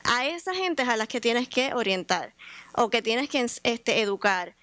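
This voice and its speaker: A woman's voice: a little high, big pitch swings, normal speed, a bit bright, dry recording. A woman making an unscripted comment and asking a question at a forum.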